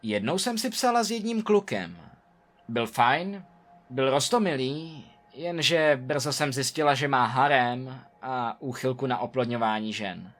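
Man narrating stories with lively intonation. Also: mid-range voice. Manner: lively, animated storytelling. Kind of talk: scripted narration of first-person stories.

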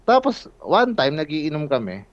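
A man's voice: a little high, wildly swooping pitch, normal speed, a crowd in the background. A young man telling a story in casual chat, swearing and laughing along the way. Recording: dull lo-fi sound.

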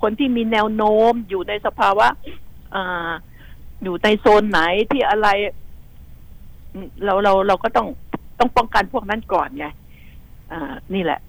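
A woman's voice: medium pitch, measured pace, creaky, pauses often, no echo, rough recording. A woman commentating on the news on radio, outspoken and indignant, rambling and repeating herself as she talks to listeners. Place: radio studio.

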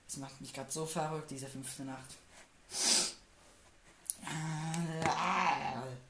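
Jumpy young gamer muttering in an echoey room. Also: male voice, a little high, fairly even intonation, very slow. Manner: jumpy, swearing under his breath, muttering to himself. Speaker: gamer playing a horror game. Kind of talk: casual let's-play commentary. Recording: echoey room with noticeable noise.

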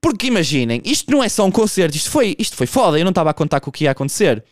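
A man's voice: a little high, big pitch swings, very fast, no echo, studio quality. A young man doing a casual, profane stand-up monologue, telling a story with vocal impressions. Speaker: stand-up comedian.

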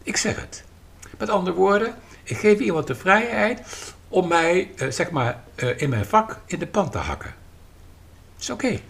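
Animated man in lively podcast talk. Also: sits high, moderate pace, creaky, slightly rough. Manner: animated, emphatic, acts out quoted dialogue. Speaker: podcast guest and writer.

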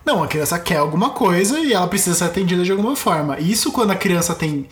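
Fast-talking Brazilian woman, low voice. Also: animated. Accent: Brazilian Portuguese. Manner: quick, chimes in to finish the other's points, joking. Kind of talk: casual chat.

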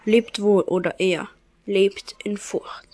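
A woman doing a whispery gloating dark lord. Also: medium pitch, fairly even intonation, faint music behind. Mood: menacing. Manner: whispery, drawn-out evil laugh.

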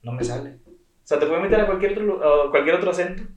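A man's voice: fairly high pitch, animated, rapid-fire, muffled recording. A man talking as a podcast guest in chatty casual conversation, often filling with repeated phrases. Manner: chatty, talkative, repeats "o sea". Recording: roomy echo.

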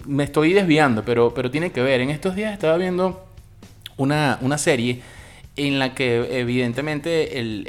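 A man with a Venezuelan Spanish accent giving a loose, opinionated film review, swearing casually as he talks. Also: fairly high pitch.

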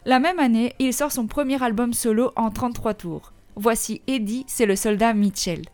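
A woman's voice: fairly high pitch, moderate pace, darkish tone. A woman with a Belgian French accent hosting a music-history podcast, reading a script and adding chatty, joking asides. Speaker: podcast host.

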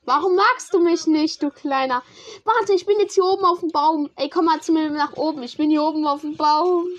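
Young woman streamer, high voice, excitable slangy play-by-play to a teammate. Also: brisk, lo-fi sound. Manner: excitable, slangy, talks to a teammate while playing. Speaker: gamer streamer. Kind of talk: casual gaming commentary.

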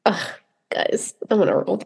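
Giggly young woman co-hosting a podcast. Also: darkish tone. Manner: giggly, quick reactions. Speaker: podcast co-host. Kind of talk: casual chat.

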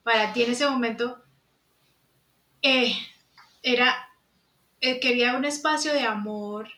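A woman speaking as a coach, calmly explaining and reframing the other speaker's experience. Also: a little high, slow. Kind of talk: reflective coaching talk. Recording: roomy echo.

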